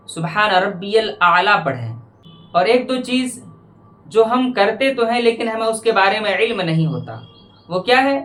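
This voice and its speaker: A man, a religious teacher, giving a measured lesson on prayer and slowly repeating phrases to correct pronunciation. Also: sits high, a bit bright.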